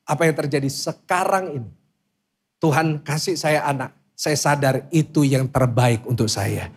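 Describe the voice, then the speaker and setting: A man in his thirties preaching a sermon loudly and with energy, often calling on the congregation to respond. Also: a little high, moderate pace, husky. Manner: loud, lively preaching with calls to the congregation. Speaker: pastor.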